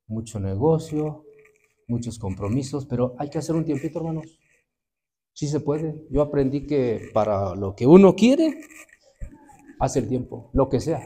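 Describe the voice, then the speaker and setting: A man's voice: mid-range voice, mellow. A man, preaching a sermon and telling stories with acted-out quotes to the congregation. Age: 50s. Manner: storytelling, acts out quoted voices, addresses the congregation.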